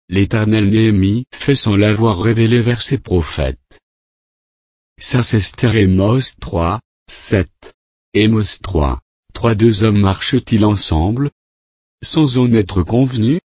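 A man reads a sermon in a slow, deliberate voice, pausing over scripture verses and their numbers. His voice sits fairly low, and the recording is dry and close, with little room sound. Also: darkish tone, no room sound. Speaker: preacher reading a sermon. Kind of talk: read sermon with scripture quotations.

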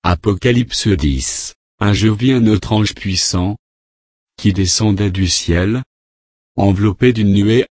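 A man preaching a sermon, reading numbered Bible verses aloud and commenting on each in a measured way. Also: lowish voice, a little mellow, no room sound, clean studio sound.

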